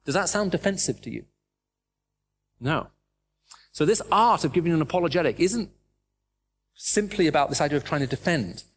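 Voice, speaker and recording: With a fairly high, husky, animated voice, a middle-aged man raised in the Middle East preaches to a live audience in British-accented English at a moderate pace. He pauses often, speaks emphatically, and poses many rhetorical questions.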